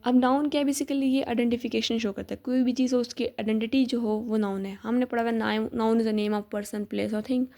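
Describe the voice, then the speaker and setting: A young woman teaching a casual grammar lesson, patiently repeating examples and spelling words out slowly. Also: a little high, fairly even intonation, gravelly, dark tone. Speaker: teacher sharing study notes.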